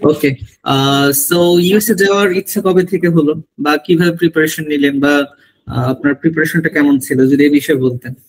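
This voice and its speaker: Male host on a video call; husky, higher-pitched voice, formal and measured questioning. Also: steady tone, rough recording. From Bangladesh. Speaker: host of visa coaching session. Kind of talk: online interview.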